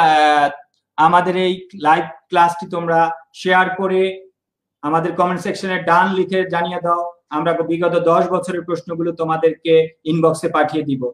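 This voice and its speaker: High-voiced man teaching online. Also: flat delivery, brisk, fairly bright tone, echoey room, poor audio. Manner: explanatory, repeats key points. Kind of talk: online exam-prep lesson.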